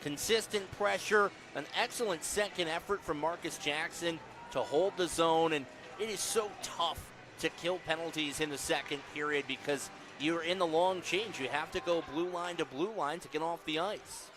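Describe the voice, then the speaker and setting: A man giving measured, explanatory hockey color analysis between plays. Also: a little high, noisy background. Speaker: color commentator.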